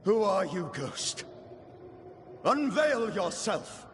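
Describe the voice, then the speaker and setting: Game exorcist priest: raised pitch, very slow, declamatory and stern. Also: male voice, sing-song, heavily acted. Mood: fervent command. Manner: declamatory, commanding. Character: commanding clergyman exorcist, stern and fervent. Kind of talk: video game voice acting. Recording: long hall reverb, faint noise.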